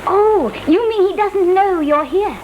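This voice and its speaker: A woman playing an outspoken lower-class young English woman, pert and sarcastic, in witty period banter from a 1930s comedy. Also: a little slow. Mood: defiant, sarcastic. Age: young adult. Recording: noisy, hissing 1930s film soundtrack.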